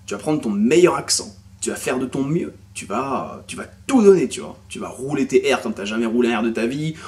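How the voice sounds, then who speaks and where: A young man from France talking casually to camera, animated and full of crude slang, as an au pair sharing language tips. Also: mid-range voice, brisk. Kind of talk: casual vlog monologue. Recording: voice slightly distant from mic.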